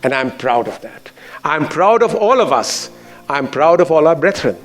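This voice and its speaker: A man's voice: a little high, big pitch swings, moderate pace, faint music behind. A man with an educated, posh Indian English accent gives a formal speech as a school chairman, earnest and emphatic in his phrasing.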